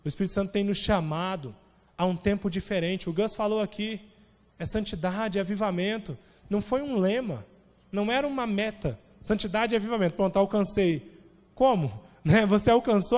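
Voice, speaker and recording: A young Brazilian man preaching a sermon as pastor, talking in a loose, conversational way and tagging his lines with quick asides. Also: sits high. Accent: Brazilian Portuguese. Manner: conversational, animated preaching with frequent "né?". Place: church sanctuary. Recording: long hall reverb.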